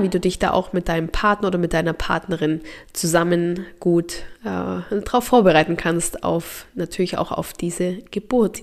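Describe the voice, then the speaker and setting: A childbirth coach with a lowish voice hosts a podcast, speaking informally to expectant mothers. A mild head cold makes her sound slightly nasal, and she hesitates often.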